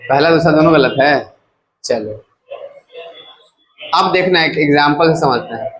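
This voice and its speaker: A man's voice: fairly high pitch, unhurried, fairly bright tone, low-quality recording. A male chemistry teacher giving a casual classroom lecture who keeps asking his students to repeat each term back to him. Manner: casual, coaxing teacher talk.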